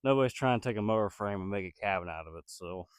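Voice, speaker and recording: A DIY builder vlogger thinks aloud while working on a building project, chatting to his viewers in hesitant, rambling self-talk. His fairly low, cold-stuffed nasal voice is expressive, fast and clear with a resonant tone, in studio-quality sound with no echo.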